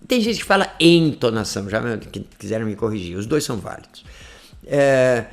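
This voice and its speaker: A man teaching an online class, speaking close to the mic in a playful, lively way that often drops to a soft, intimate voice. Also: medium pitch, moderate pace, faint music behind. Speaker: English teacher. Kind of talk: online lesson talk. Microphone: close to the microphone.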